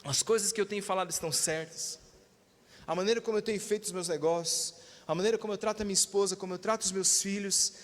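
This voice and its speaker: The man speaks fast in a high-pitched voice, preaching with a Brazilian Portuguese accent. His sermon is emphatic, he asks for amens, and he performs the voices he quotes, the sound ringing in a reverberant church hall.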